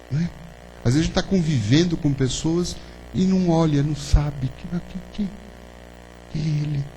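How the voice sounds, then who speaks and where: A little high and a little mellow, a man's voice leads a spiritist lecture in the hall of a spiritist center, chatting with the audience through frequent questions and the tag "né?". The low-quality recording has a faint hum running behind the talk.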